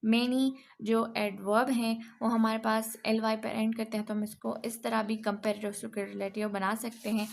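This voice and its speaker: A woman's voice: a little high, flat delivery, moderate pace, gravelly, few pauses. A woman teaching English grammar to beginners, explaining patiently, often checking in and correcting herself.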